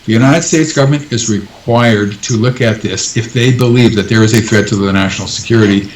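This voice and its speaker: A man's voice: fairly low pitch, a little fast. Older guy guest on a talk show, pushy emphatic talk, sounds far off in an echoey room. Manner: emphatic, insistent, repeats points. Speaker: guest researcher. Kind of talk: live talk show interview.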